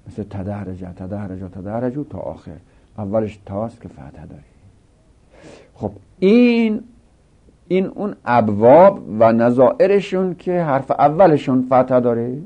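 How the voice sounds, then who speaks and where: A man teaching a grammar lesson, explaining a text slowly and repeating example words one after another. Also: mid-range voice, gravelly, mellow. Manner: slow, repetitive, drills example words. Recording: dull lo-fi recording.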